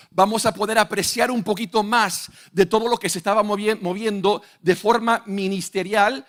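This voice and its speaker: A man's voice: sits high, a bit bright. A young man preaching a sermon, emphatic and full of rhetorical questions to his congregation.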